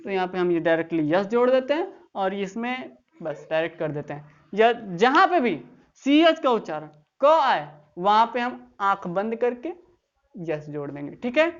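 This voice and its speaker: A woman's voice: medium pitch, expressive, normal speed, highs cut off. A woman teaching English grammar in an online class, explaining step by step and often checking that students follow.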